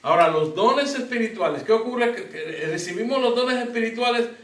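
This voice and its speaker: A man's voice: very high voice, animated, brisk, a bit bright. A middle-aged man, a pastor teaching a Bible study in a conversational way with rhetorical questions and frequent restarts. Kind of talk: Bible study lesson with personal testimony. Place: church classroom. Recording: roomy, distant mic, faint noise.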